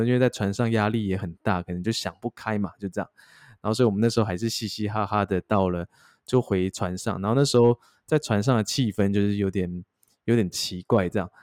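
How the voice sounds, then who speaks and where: Low-voiced Taiwanese man telling a story. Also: a little mellow, no room sound, clean studio sound. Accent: Taiwanese Mandarin. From Taichung, Taiwan. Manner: acts out quoted dialogue while telling a story. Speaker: podcast co-host. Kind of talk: casual storytelling chat.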